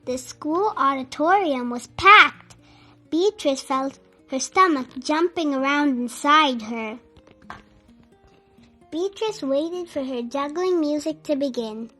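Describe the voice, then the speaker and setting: Music plays behind a high-pitched woman as she reads a children's book aloud. She tells the story for young listeners in an animated, deliberate way, pronouncing every word clearly.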